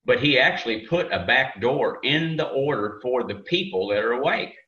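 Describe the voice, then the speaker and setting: A man's voice: medium pitch, expressive, moderate pace, sharp tone. A man on a group call, rambling casually and laughing at himself. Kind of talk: casual chat. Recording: distant, roomy, dull lo-fi audio.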